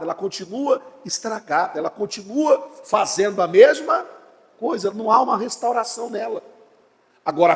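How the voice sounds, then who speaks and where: A man's voice: sits high, a little mellow. A man preaching a sermon as pastor, with swelling emphasis. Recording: long hall reverb.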